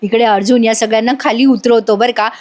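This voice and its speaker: Chatty high-voiced Marathi woman recapping. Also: steady tone, fast talker, a little mellow. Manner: chatty, addresses viewers directly, acts out characters' lines. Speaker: TV serial reviewer. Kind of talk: voice-over episode recap.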